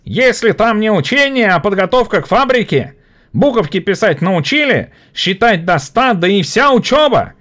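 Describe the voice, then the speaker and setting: A man voicing a scornful young male worker shouting from a crowd in an audiobook. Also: high-pitched, sing-song, moderate pace, pitched above the performer's own voice. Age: young adult.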